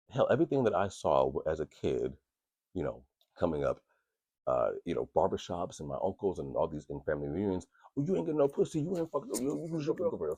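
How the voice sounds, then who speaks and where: In casual podcast talk, the host's extremely deep voice has a husky, grainy edge and a warm tone. He is frank and profane, wandering through his points with many restarts. The recording is dry and close-miked, with no room sound.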